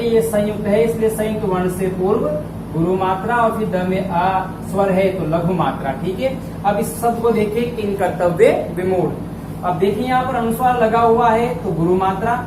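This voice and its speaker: A male Hindi teacher giving a step-by-step lesson, often checking that his students follow along. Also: high voice. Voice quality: explains step by step, often asks if it's understood. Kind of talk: classroom-style lesson. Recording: echoey room, distant mic, faint noise.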